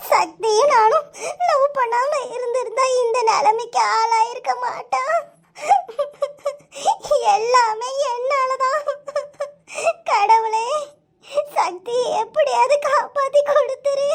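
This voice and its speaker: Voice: fairly even intonation, slow pace, pauses often, exaggerated voice. A voice actor playing a heartbroken young woman in a cartoon, sobbing and blaming herself, with a Kanyakumari Tamil accent. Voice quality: high, pitched-up cartoon voice. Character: heartbroken young woman whose lover drank poison. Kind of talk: cartoon voice acting.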